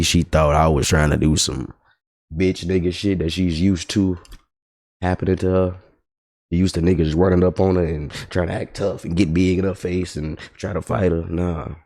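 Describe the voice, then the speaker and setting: Deep gravelly-voiced man ranting. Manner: profane, animated, exasperated. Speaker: livestreamer. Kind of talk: casual storytelling rant. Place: home streaming setup.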